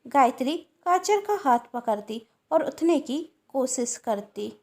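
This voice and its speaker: A woman storyteller narrates a family drama in a steady, plain way. Her voice is high. It sounds like a scripted story reading. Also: a little slow.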